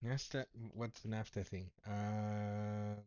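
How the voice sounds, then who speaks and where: A man hosting a casual stock market livestream, animated and laughing, swinging from low mumbles to loud exclamations. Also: slow pace, clean tone, lo-fi sound.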